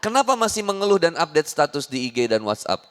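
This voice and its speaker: Sundanese-accented preacher with a lively, joking delivery. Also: male voice, on the high side, fast talker, clear, resonant tone. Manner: animated, jokey, acts out little scenes in different voices. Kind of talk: lively sermon to a women's audience. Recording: long hall reverb.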